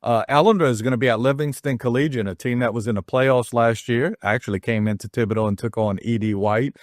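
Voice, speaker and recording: A middle-aged man hosting a casual high school sports talk show, rambling and chatty, with frequent restarts and self-deprecating jokes. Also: fast, no room sound, studio quality.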